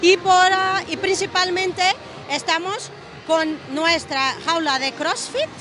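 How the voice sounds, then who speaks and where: A woman's voice: extremely high pitch, slow pace, background noise. A young woman with a Portuguese accent, a brand representative speaking in hesitant Spanish with many filler sounds at a fitness trade fair, into a handheld reporter mic. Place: large exhibition hall at a fitness fair. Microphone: handheld reporter mic held to her. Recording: loud music and crowd in hall.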